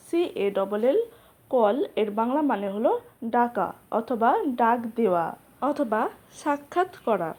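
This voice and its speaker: Slow, clear woman teacher. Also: fairly high pitch, a little mellow. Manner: spells words letter by letter, slow and clear; repeats each word and its meanings. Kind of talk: English vocabulary lesson.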